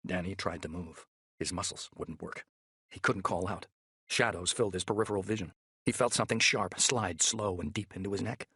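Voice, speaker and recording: A man narrating a thriller audiobook in a measured, steady way, close to the mic. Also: low voice, husky, dry recording.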